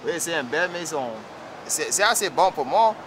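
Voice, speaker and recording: A lively, fairly high-pitched male voice at a normal pace belongs to a fiddler in his twenties from Texas, whose accent is Louisiana Creole and Cajun French. He answers interview questions casually, searching for words, outdoors in a yard by a house and street. A camera mic a short way off gives a noisy outdoor recording.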